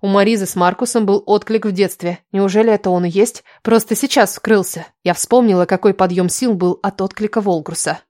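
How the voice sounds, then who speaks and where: A woman narrating a fantasy novel in the first person, in an even, reflective storytelling tone. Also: mid-range voice, brisk, few pauses, dry recording, studio quality. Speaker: audiobook narrator.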